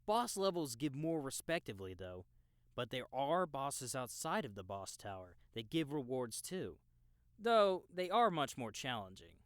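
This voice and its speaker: In an audiobook, a man voices an easygoing young gamer who casually and knowingly explains the world to a newbie. His mid-range voice is very animated but measured in pace, and the studio-quality recording has no echo. The mood is knowing and explanatory, in character-acted explanatory dialogue.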